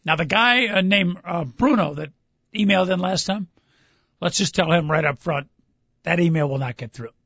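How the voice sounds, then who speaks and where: A man with a high-pitched voice hosts casual sports talk radio. He rambles and jokes wryly in easy banter. The sound is dry and a little dull, like band-limited broadcast audio. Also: moderate pace, fairly bright tone, husky, no room sound. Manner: wry, joking, rambling.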